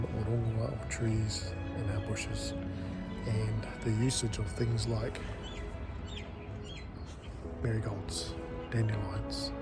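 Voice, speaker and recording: A man with a New Zealand accent giving a casual, upbeat vlog recap, informal and halting with pauses. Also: mid-range voice. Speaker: workshop organiser presenting a recap. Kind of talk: casual vlog chat to camera. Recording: music behind the voice.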